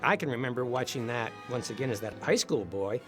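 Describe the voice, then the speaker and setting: A man's voice: medium pitch, lively intonation, a little fast, over music. An older man, a former police officer turned author, reminiscing in a conversational, reflective way about a classic film. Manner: warm-hearted, reminiscing, conversational. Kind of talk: reflective interview commentary.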